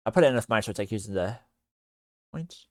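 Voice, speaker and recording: A male streamer chatting casually on a livestream while working on 3D art, speaking haltingly with many fillers and half-finished sentences. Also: lowish voice, animated, a little mellow, no room sound, clean studio sound.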